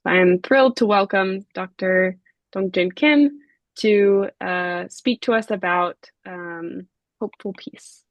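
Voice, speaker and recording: A woman moderating an online talk, introducing speakers in a measured way with frequent fillers. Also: mid-range voice, no echo, lo-fi sound. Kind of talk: webinar introduction. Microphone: video call.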